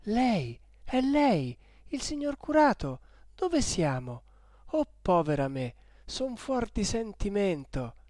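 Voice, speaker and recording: A frightened young peasant woman from a storybook, pleading and anxious, her voice lifted high above the reader's own, as a man puts her on. The sound is close and dry, with no room around it. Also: normal speed, darkish tone, no room sound, natural voice. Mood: astonished, fearful.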